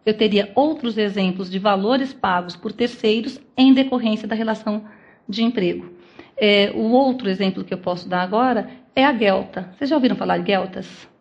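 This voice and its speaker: A woman's voice: medium pitch, moderate pace, dull audio. Brazilian woman lecturing with rhetorical questions. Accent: Brazilian Portuguese. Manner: explains step by step with rhetorical questions. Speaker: law lecturer. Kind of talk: academic lecture. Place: lecture hall.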